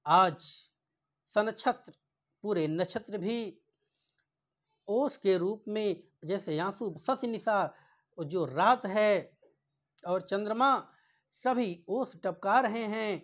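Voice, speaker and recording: A male teacher explaining a poem line by line. He reads each verse slowly, then paraphrases it with emphasis. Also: sits high, highs cut off.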